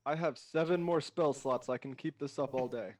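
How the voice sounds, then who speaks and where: A man's voice: mid-range voice, normal speed, darkish tone. A man playing in a tabletop game, asking questions in a matter-of-fact, casual way. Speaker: player.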